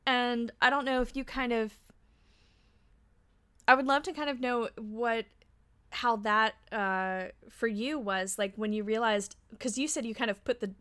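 Animated thirty-something woman chatting on a podcast, bright high-ish voice, cusses and laughs easy. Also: unhurried, clear, resonant tone. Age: 30s. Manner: animated, laughs often, swears freely. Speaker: podcast guest. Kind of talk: casual chat.

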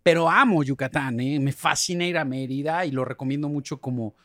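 A man from Mexico with a Mexico City accent, a guest on a podcast telling stories in a relaxed, chatty way with filler words. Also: fairly high pitch, brisk, dry recording. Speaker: singer-songwriter guest. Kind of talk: casual chat.

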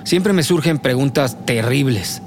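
A man's voice: medium pitch, animated, a little slow, slight background noise. A man acting in an audio drama as an anxious, polite, imaginative writer. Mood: anxious musing.

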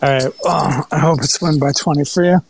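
A man's voice: on the high side, fairly even intonation, fairly quick, creaky, a little hiss or hum. A man joining a talk show as a guest caller, chatting casually. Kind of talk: casual chat.

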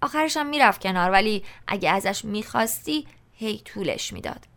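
A woman's voice: mid-range voice, lively intonation, creaky, fairly bright tone. A woman narrating a novel in the first person, in a colloquial, conversational storytelling style. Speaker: audiobook narrator.

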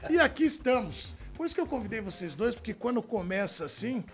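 A Brazilian man in his forties hosting a talk show with loud, showy announcing and effusive, exclamatory chat. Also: high-pitched, sing-song, brisk. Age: 40s.

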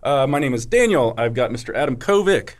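A man's voice: mid-range voice, animated, a little fast. A man hosting a podcast, reading a sponsor spot and steering the chat with his co-hosts. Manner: reads sponsor intros, keeps the group on topic. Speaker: podcast host.

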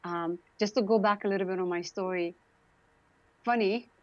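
A woman's voice: mid-range voice, normal speed, dry recording, dull audio. A middle-aged woman with a Romanian accent telling her own story conversationally as an interview guest, earnest and emphatic, repeating phrases for stress. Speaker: interview guest, founder and CEO.

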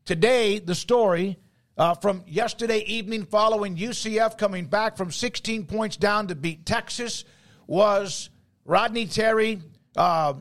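A man hosting a sports talk show, speaking off the cuff with halting pauses. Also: high-pitched, a bit bright. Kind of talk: unscripted show opening talk.

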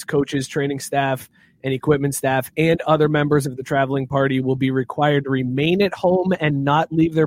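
A man's voice: on the high side, a little mellow. A man hosting a casual sports podcast, joking and laughing often as he leads the topics. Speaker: podcast host.

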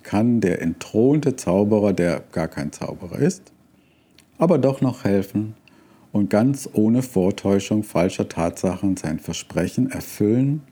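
A male preacher gives a calm, reflective sermon and reads a story aloud. His voice is low, very dark and mellow, and husky, and he speaks slowly.

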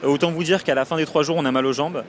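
A man's voice: on the high side, steady tone, racing, a little hiss or hum. A man hosting a live podcast episode from a trade show, chatty and friendly, with frequent fillers. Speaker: podcast host. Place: video game trade show.

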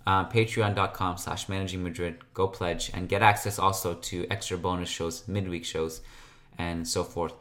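Low-voiced man hosting a sports podcast. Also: fairly even intonation, moderate pace, fairly bright tone. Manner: rambling, conversational. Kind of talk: casual solo podcast talk.

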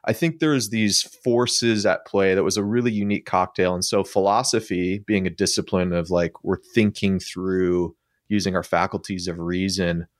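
A man talking through ideas in a relaxed, thoughtful way, using frequent fillers. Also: sits low, normal speed, dry recording, clean studio sound. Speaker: podcast guest. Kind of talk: casual conversational discussion.

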